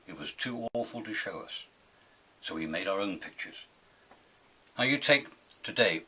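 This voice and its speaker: Older male, gravelly-edged husky tone, animated pitch swings, indignant curmudgeon holding forth on his pet gripes. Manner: grumpy, indignant, emphatic. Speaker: opinionated film critic and host of his own show. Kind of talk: rambling opinionated monologue.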